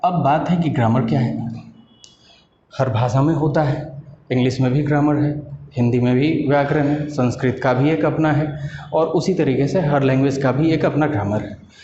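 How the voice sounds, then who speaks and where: A man's voice: mid-range voice, warm tone, slight background noise. Man teaching in an echoey room. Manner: patient, asks rhetorical questions and slows to stress key terms. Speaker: English teacher. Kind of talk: explanatory lesson in Hindi. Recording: echoey room, dull lo-fi sound.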